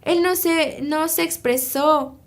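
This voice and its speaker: A woman's voice: high-pitched, slow. A woman from Ecuador preaching a live sermon, telling a parable and checking in with her listeners as she goes. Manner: earnest, asks "¿sí?" often. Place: church streaming live.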